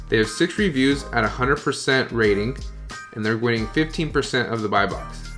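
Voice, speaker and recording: Man, mid-pitched, casual online seller coach, conversational tutorial delivery, faint guitar music underneath. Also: bright, forceful tone. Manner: casual, repeats "okay?" and "you guys". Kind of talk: screen-share tutorial.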